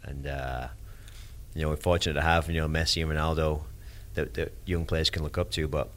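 Very deep, flat-toned man reflecting. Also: fairly quick. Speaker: soccer coach. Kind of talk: interview answer.

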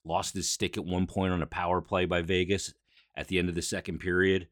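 A man's voice: deep voice, flat delivery, a little fast, fairly bright tone, dry recording, studio quality. A man hosting a sports podcast, giving a conversational, explanatory solo recap with emphatic asides.

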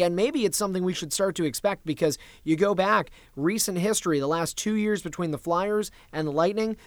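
A man's voice: fairly high pitch, no echo. A man hosting a sports recap, talking through a hockey game in a conversational way.

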